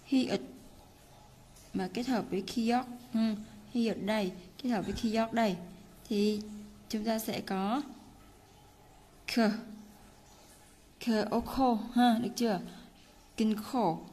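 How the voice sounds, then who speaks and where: Mellow-voiced woman teaching Korean. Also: fairly high pitch, fairly even intonation. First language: Vietnamese. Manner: patient, repeats words slowly for learners. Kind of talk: casual online lesson.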